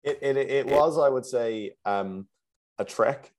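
A man co-hosting a podcast, trading dry, deadpan quips in casual banter. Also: mid-range voice, unhurried, poor audio. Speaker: podcast co-host.

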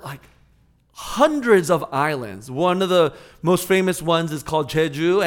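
Animated man preaching a sermon. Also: a little high. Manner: storytelling, animated, conversational asides. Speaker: pastor. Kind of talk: sermon with a personal story.

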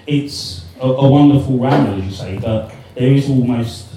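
A man's voice: medium pitch, moderate pace, warm tone. A man on a book club panel, talking thoughtfully and casually, sometimes acting out passages in other voices. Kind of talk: casual discussion. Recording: echoey room, mic far off, faint noise.

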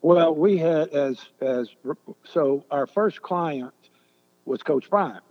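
An older man telling a long story as an interview guest, halting and deliberate with many restarts. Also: a little high. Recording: echoey, dull lo-fi sound.

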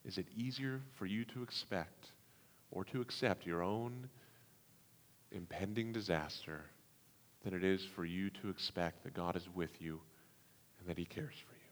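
A man preaching a sermon, with dramatic swings between hushed, slow passages and loud, emphatic ones. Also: low voice. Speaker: pastor. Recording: long hall reverb.

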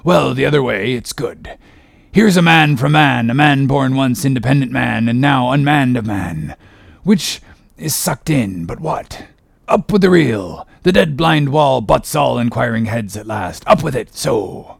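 A man's voice: mid-range voice, expressive, a little slow, dry recording, heavily acted. A man playing a grandiose, brooding, tormented whaling captain in a dramatic audiobook, with archaic, commanding speech. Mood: probing, sardonic. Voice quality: gravelly, husky. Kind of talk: dramatic audiobook character reading.

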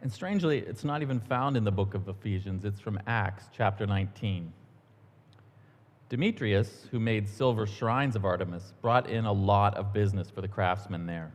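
A middle-aged man giving a relaxed, conversational sermon in church, telling stories with the odd um and aside. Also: on the low side, normal speed. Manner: relaxed, storytelling, a few ums and asides. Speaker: church minister. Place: church sanctuary. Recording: long church-hall reverb.

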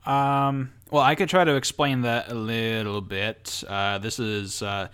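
A man's voice: mid-range voice, fairly even intonation, measured pace, a bit bright, clean tone. A man co-hosting a casual comedy podcast, explaining a history topic in a hesitant way. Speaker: podcast co-host, supernatural expert.

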